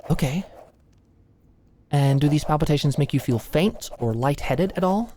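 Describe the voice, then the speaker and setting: Playing an anxious, awkward female medical student, a young adult woman delivers an intimate, scripted one-sided ASMR roleplay in a low, expressive voice at normal speed. She comes across careful and nervous, hesitant and stammering yet softly attentive. A close, dry studio-style mic picks her up, with slight background noise.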